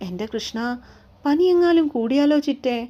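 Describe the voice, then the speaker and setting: A woman's voice: high voice, animated, normal speed, mellow, muffled recording, voice pushed up. Woman voicing a fretful older servant woman. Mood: worried. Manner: worried muttering.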